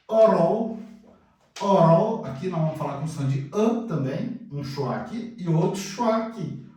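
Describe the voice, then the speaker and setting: A man's voice: a little high, a little mellow, recorded from a distance. A Brazilian man teaching English pronunciation, saying each word twice and then translating it. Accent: Brazilian Portuguese. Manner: slow, drills words twice then translates. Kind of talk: pronunciation lesson. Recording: echoey room, voice away from the mic.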